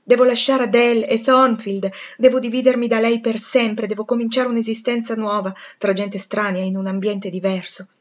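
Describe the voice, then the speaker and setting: A woman's voice: fairly high pitch, flat delivery, moderate pace, few pauses, dull audio, lightly acted. A woman voicing a firm, principled young governess in an audiobook reading, restrained and earnest.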